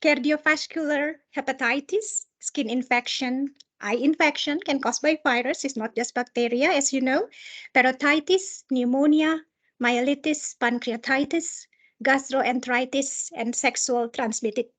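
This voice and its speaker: A woman with a distinctly high voice and an Indonesian accent presents training material. She speaks as an instructor going through slides, often halting to search for the right word.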